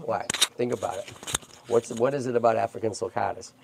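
A man's voice: fairly low pitch, fairly quick, creaky, noisy background. A man hosting a tortoise rescue livestream in casual chat, talking in a chatty way and checking in often with "right?" and "okay?".

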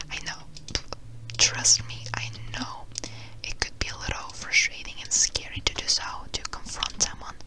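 A video host speaking in a breathy close-up whisper, rambling reassuringly in a casual ASMR gaming chat, with keyboard typing behind. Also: low-quality recording. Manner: rambling, reassuring advice-giving. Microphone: close-up microphone.

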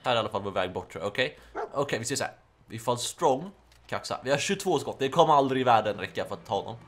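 A young man giving casual, excitable commentary while playing a video game, yelping and shouting during fights. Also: mid-range voice. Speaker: gaming YouTuber. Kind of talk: casual Let's Play commentary.

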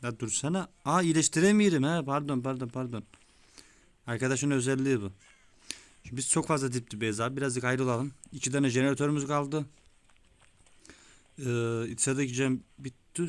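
A young man giving casual, excitable gameplay commentary, swearing often and talking like a buddy, his voice a bit rough. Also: medium pitch, a little fast, long pauses. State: sweaty, voice gone a bit rough. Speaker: gaming YouTuber. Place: small room with window closed.

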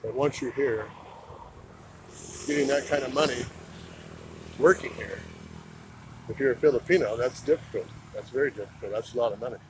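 A man from Idaho in the US films himself walking along a town roadside on a handheld phone, giving laid-back, chatty commentary as a walking-tour vlogger. He has a medium-pitched voice, speaks at normal speed and pauses often. Passing vehicles, street ambience and clear traffic noise fill the outdoor recording.

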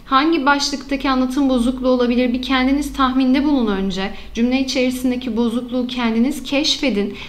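High-voiced woman teaching a grammar lesson. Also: fairly even intonation. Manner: asks students questions then answers them; slows and stresses key terms.

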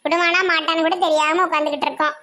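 Very high-voiced complaining Tirunelveli Tamil woman. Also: little pitch movement, very fast, bright, forceful tone. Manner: complaining and pleading. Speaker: comedy sketch performer. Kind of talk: scripted village comedy sketch.

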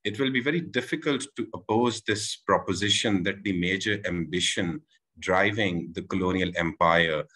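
A man in his forties from Pakistan, giving a measured panel talk over a video call, with many pauses and restarts. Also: deep voice, a bit bright, poor audio. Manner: measured, with frequent filler "uh" and restarts. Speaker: panel speaker. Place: room at home with window. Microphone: video call, laptop camera.

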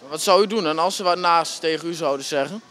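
A man's voice: fairly high pitch, fast, a bit bright, faint music behind. A man in his twenties working as a street reporter, putting questions to passers-by on a handheld microphone. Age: 20s. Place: covered shopping arcade. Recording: background noise of a busy arcade.

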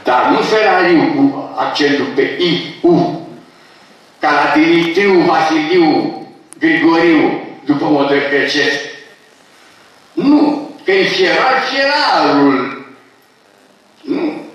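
A man's voice: fairly high pitch, lively intonation, pauses often, a bit bright, dull audio. An older man giving a lecture at a book launch. He corrects word usage in a pedantic way and bursts out with emphatic objections. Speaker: professor presenting his books. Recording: very echoey hall, speaker far from mic.

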